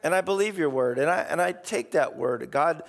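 Gravelly, creaky-voiced male preacher. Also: on the high side, normal speed. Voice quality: gravelly, hoarse. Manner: informal, emphatic, acts out imagined replies. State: voice starting to give out. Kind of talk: sermon, conversational exhortation to a congregation.

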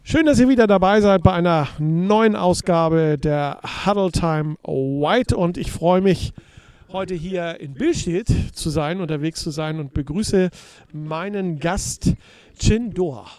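A man's voice: high voice, slow pace, a little mellow, clear, resonant tone, no echo. A man hosting a casual interview, enthusiastic and full of hesitant fillers. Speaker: podcast host, interviewer.

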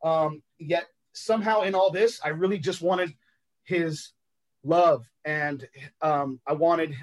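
Sign language is the native language of this Los Angeles man, who is a guest on a podcast reflecting on his life. He pauses often, filling gaps with ums and uhs, and his voice runs slightly high.

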